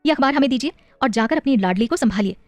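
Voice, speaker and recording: Audio story role: a loving, teasing young mother, as the woman narrator voices her, high-pitched, close and dry. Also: animated, fast, a little mellow, no echo. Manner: teasing, affectionate scolding. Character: young wife and mother, firm but loving.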